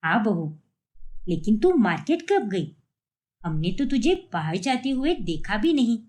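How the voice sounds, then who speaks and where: A woman voicing a homely, fussy older mother-in-law in a cartoon story, in a lowered, aged voice and a scolding manner. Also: sing-song, measured pace, darkish tone. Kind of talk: cartoon voice acting.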